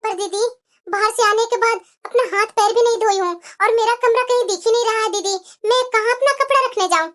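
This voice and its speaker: Woman voicing a meek, very high young wife. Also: fast talker, a bit bright. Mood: pleading. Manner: polite, pleading, meek.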